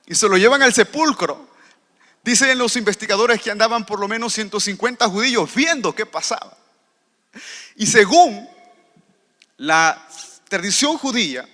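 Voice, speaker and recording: A male pastor preaches a sermon in a high, bright, ringing voice. He keeps turning to the congregation with rhetorical questions. His words trail into the long reverb of a church hall.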